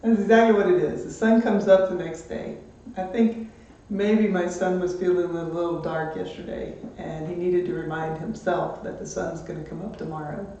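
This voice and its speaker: A man's voice: high voice, steady tone, moderate pace, warm tone, a little hiss or hum. A man teaching a math lesson on a live stream, chatty and upbeat, greeting students as they join. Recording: distant echoey muffled room mic.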